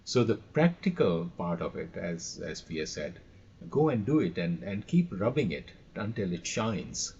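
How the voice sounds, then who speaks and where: Over dull, lo-fi call audio, this older or middle-aged Indian-accented radio and audio trainer shares anecdotes as a podcast guest, stressing points by repeating phrases. He speaks unhurriedly in a low, slightly rough, somewhat mellow voice with big pitch swings.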